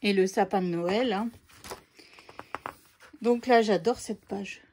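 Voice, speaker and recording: A woman's voice: mid-range voice, takes it slowly, darkish tone, a little hiss or hum. A woman casually presenting craft papers to her viewers in a chatty unboxing video, often hesitating with fillers as she talks. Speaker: scrapbooking vlogger showing craft papers.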